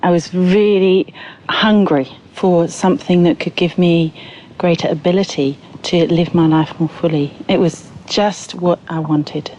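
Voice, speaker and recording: A woman's voice: fairly low pitch, steady tone, unhurried, darkish tone, a little hiss or hum, rough recording. A woman speaking candidly about her course experience. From New Zealand. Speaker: course graduate. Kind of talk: testimonial interview.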